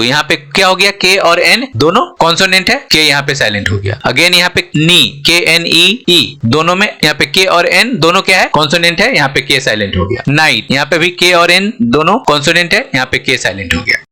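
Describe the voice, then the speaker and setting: A man's voice: a little high, bright, forceful tone. A man teaching English pronunciation in a classroom lecture, spelling words out letter by letter and asking and answering his own questions.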